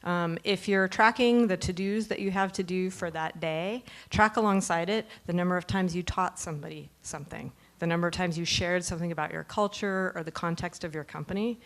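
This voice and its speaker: A woman co-leading a workshop, giving slow, measured advice to founders. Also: fairly low pitch. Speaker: workshop co-leader.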